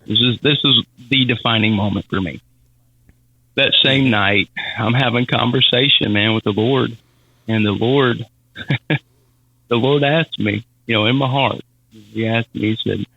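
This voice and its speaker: A man telling a personal faith testimony as a podcast guest, halting and repeating words as he speaks. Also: medium pitch, gravelly, slightly rough, no echo, phone-quality sound. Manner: halting, repeats words, Southern-style casual phrasing.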